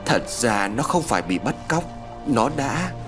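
A man voicing a remorseful old peasant father who confesses in a trembling, halting way. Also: medium pitch, very animated, music in the background.

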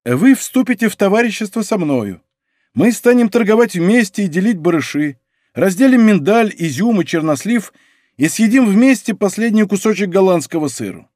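A man voicing an excitable, loyal middle-aged grocer who bursts into exclamations. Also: high voice, moderate pace, no room sound, clean studio sound, voice pushed up. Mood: eager.

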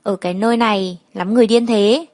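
A woman's voice: mid-range voice, steady tone, fast talker, a little mellow, natural voice. A woman voicing a cocky young rich man in his early twenties who talks in a mocking, curt way.

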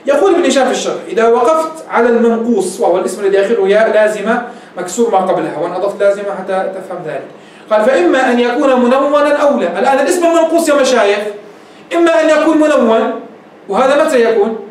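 A man with a Levantine Arabic accent teaching a grammar lesson in a lecture room, explaining step by step and checking understanding with quick questions. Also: extremely high pitch, slight background noise. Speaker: Islamic scholar teaching grammar. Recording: echoey room, mic at a distance.

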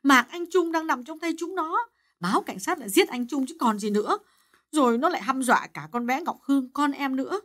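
A man voicing a distressed middle-aged wife who sobs and snaps in shrill, anxious bursts. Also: animated, brisk, a bit bright. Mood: snappish. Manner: shrill, tearful and snappish.

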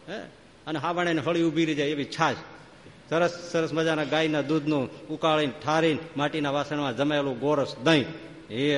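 A man's voice: fairly high pitch, a bit bright, long reverb tail. A man giving a devotional sermon, telling stories and reeling off long spoken lists. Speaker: preacher.

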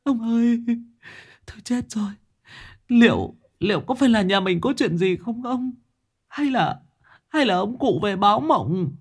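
A man's voice: high-pitched, expressive, a little slow, pauses often, slightly rough, pitched above the performer's own voice, exaggerated voice. A man voicing a terrified middle-aged wife in a storytelling reading, stammering in panic.

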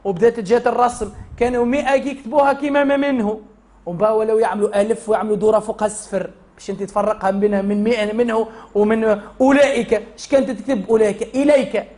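A man's voice: high-pitched, fairly even intonation, very fast, a little mellow. A man with a Tunisian Arabic accent teaching a Quran recitation class, asking the students questions and answering them himself. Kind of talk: classroom lesson.

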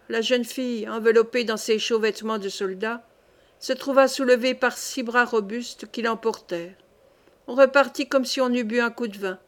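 A woman narrating a classic short story in a measured, expressive way. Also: fairly high pitch. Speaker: reader. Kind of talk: literary audiobook narration.

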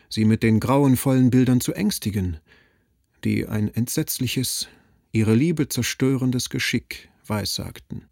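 A man narrating a classic literary story in a measured, dramatic reading. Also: lowish voice, gravelly, a little mellow, slightly rough, dry recording, studio quality. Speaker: audiobook narrator.

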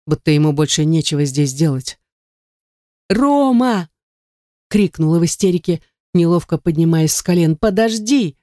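A woman's voice: sits low, dark tone, no room sound, clean studio sound. A woman narrating a first-person romance novel with emotional, dramatic delivery. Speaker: audiobook narrator.

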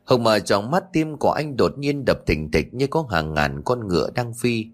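A man narrating a horror audiobook in an expressive, dramatic way. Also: fairly low pitch, moderate pace, faint music behind. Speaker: storyteller.

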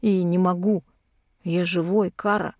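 A woman voicing a hurt, brooding young man who reproaches his lover in a low, hissing voice. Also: little pitch movement, unhurried, dry recording, clean studio sound.

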